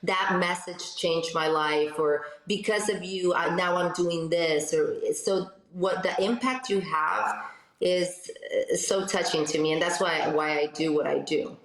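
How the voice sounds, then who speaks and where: South American woman, 30s, chatty radio host, lowish voice, echoey room. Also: a little slow. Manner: chatty, animated storyteller with many restarts. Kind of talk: casual interview chat.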